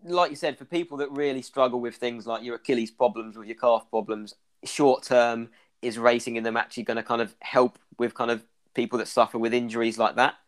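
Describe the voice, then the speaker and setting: A man's voice: medium pitch, fairly even intonation, a little fast. A man with an Irish accent, a clinician explaining running injuries in a casual podcast chat, full of "kind of" fillers.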